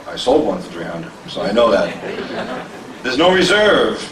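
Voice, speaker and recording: Brief: middle-aged male auctioneer, wisecracking, fast bid calls, recorded from far off in a reverberant hall with faint noise. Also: fairly low pitch, very animated. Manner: joking, self-deprecating banter with the crowd; rapid bid calling. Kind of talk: live auction calling. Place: large convention hall with a crowd.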